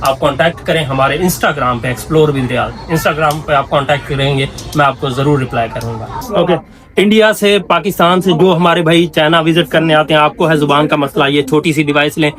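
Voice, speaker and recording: Young male vlogger with a slightly high voice, hyping gadgets like a salesman while touring a trade center. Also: steady tone, moderate pace, a bit bright. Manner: eager, salesman-like product pitching. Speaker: travel vlogger. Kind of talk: casual promotional walkthrough. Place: indoor trade center shopping hall.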